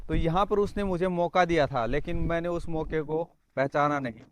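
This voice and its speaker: A man's voice: on the high side, moderate pace, slight background noise. A young man from Rajasthan, talking earnestly in a casual vlog and often calling the viewer "brother". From Rajasthan, India. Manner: earnest, repeats phrases, says "bhai" often. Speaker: vlogger.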